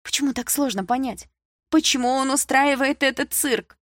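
A woman's voice: high voice, moderate pace, fairly bright tone, no room sound, studio quality, voice pushed up. A woman reading an audiobook, voicing an indignant young woman who pushes back hard against her father. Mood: exasperated. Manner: indignant, exclamatory.

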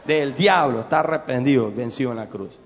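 A man's voice: medium pitch, normal speed. A man preaching a sermon as pastor, emphatic and calling on the congregation to read along. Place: church hall. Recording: echoey church hall.

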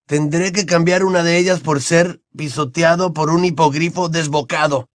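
A man's voice: fairly high pitch, steady tone, moderate pace, no echo, studio quality, voice pushed up, close to an everyday voice. A man voicing a lazy, joking teenage boy wizard in an audiobook, sarcastic and mock-offended.

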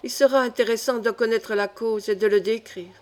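A woman's voice: fairly high pitch, steady tone, a little fast, lightly acted. A woman reading the lines of a frightened male polar geologist in an audiobook, murmuring anxiously. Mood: worried. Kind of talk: audiobook character voice.

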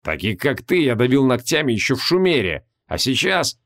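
A man's voice: medium pitch, sing-song, moderate pace, a bit bright. Arrogant ancient archmage, sneering and mocking, voiced by a man; audiobook fantasy. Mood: menacing. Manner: scornful, mocking.

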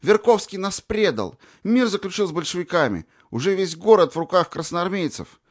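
A man voicing a frantic young soldier who bursts in shouting a warning, in an audiobook. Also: high voice, lively intonation, normal speed, voice pushed up. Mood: panicked. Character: panicked young male cadet.

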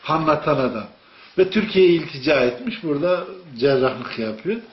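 Telling stories and asking the audience questions, a man gives an informal sermon to a small gathering at a moderate pace. His fairly high voice has lively intonation, recorded in an echoey room with a dull, lo-fi quality.

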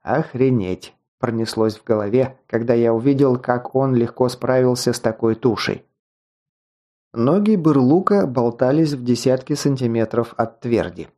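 A man reads a fantasy novel aloud in a dark, mellow voice at a middle pitch. His narration is measured and even, scripted. The tone stays steady from one line to the next. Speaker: audiobook narrator.

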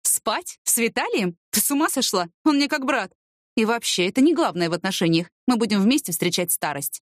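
A woman's voice: fairly high pitch, lively intonation, a little fast, dry recording, studio quality, natural voice. A woman voicing a tired, defensive young woman with a headache, in a storybook reading. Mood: weary.

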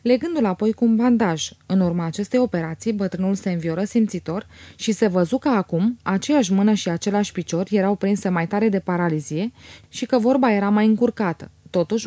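Woman with a mellow, dry narrating voice. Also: mid-range voice, dry recording. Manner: steady, measured storytelling. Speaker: audiobook narrator. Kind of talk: scripted audiobook narration.

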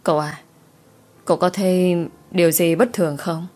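A woman voicing a fearful young servant lad in a spoken ghost story, stammering and pleading, always on edge. His voice sits a little low, and faint music plays behind him. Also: steady tone, moderate pace, a little mellow, lightly acted. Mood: timid. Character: timid young male servant, jumpy and fearful.

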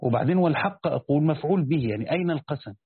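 Man, Egyptian Arabic accent, religious teacher, quick delivery, asks and answers his own questions, dry close sound. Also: fairly high pitch, expressive, breathy edge, no echo. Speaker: sheikh teaching a Quran commentary. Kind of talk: reading a text aloud and explaining it. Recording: tinny phone-like lo-fi recording.

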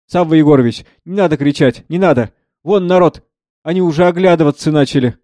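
A man reading the part of a timid young monastery novice, pleading in a hushed, anxious way. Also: a little high, fairly quick, no room sound, clean studio sound, pitched above the performer's own voice, natural voice.

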